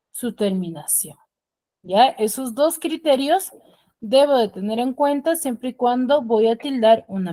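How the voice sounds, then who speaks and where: A fairly high-voiced woman teaches over a video call, speaking slowly and carefully. She keeps checking that her students understand before moving on. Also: a little mellow. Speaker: schoolteacher. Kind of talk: online class explanation.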